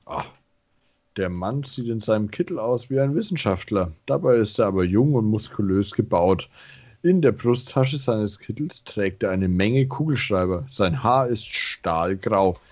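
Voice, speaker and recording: A man's voice: fairly low pitch, expressive, unhurried, darkish tone, dry recording, dull audio. A man reading the text of a game aloud to a fellow player, stumbling and commenting as he goes. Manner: reads long passages aloud, stumbles and comments. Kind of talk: let's-play reading and chat.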